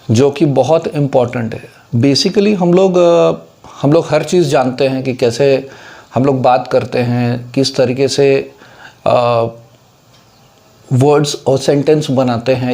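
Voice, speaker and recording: A man's voice: medium pitch, warm tone. A man giving a casual whiteboard lesson on English words, explaining steadily and mixing English terms into Hindi, with an Indian English accent. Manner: explanatory, mixes English into Hindi, asks for understanding. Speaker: English teacher.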